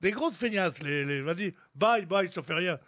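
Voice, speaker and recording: A man's voice: sits high, animated, moderate pace, fairly bright tone. An older man, a regular radio panelist, trading grumpy, provocative jokes and laughing as he talks. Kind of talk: provocative comic banter on a radio panel show.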